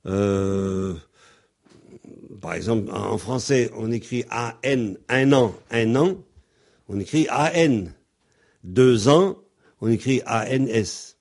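A man's voice: mid-range voice, takes it slowly, long pauses, a little mellow. A man teaching pronunciation, speaking hesitantly with frequent ums and spelling words out letter by letter. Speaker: Breton language teacher.

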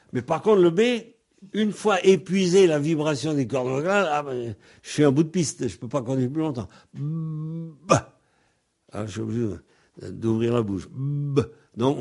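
A man's voice: fairly high pitch, darkish tone. A man patiently teaching a language lesson on a radio series, sounding out consonants aloud as he explains them.

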